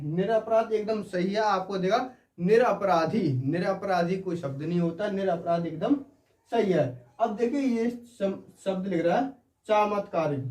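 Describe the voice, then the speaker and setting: A man with a high-pitched, slightly mellow voice teaches Hindi spelling in an online lesson. He works through the words one by one and keeps checking in with his listeners. The sound is roomy, with the mic at a distance.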